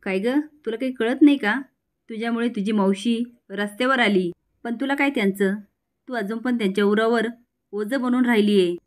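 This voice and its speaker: A woman's voice: on the high side, moderate pace, close to an everyday voice. A woman reading a taunting bitter aunt. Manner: taunting, harsh. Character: bitter scolding aunt, middle-aged woman.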